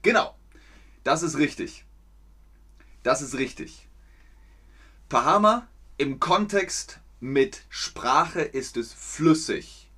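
A man teaching German in a livestream, speaking slowly and clearly with playful high jumps in his voice. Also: fairly bright tone. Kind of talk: livestreamed language lesson.

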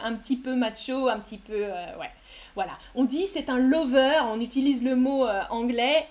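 A woman teaching on a casual live stream, talking slowly and clearly with many pauses and fillers. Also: high-pitched. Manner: slow and clear, with many "euh" fillers, sings song excerpts. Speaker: French teacher streaming to learners.

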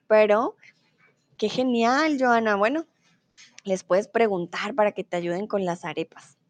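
A woman's voice: mid-range voice, no room sound. A woman from Bogotá, Colombia, teaching a live online Spanish class in a friendly manner and reading out her students' comments. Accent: neutral Bogotá Colombian Spanish. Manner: friendly, reads student comments aloud with laughs.

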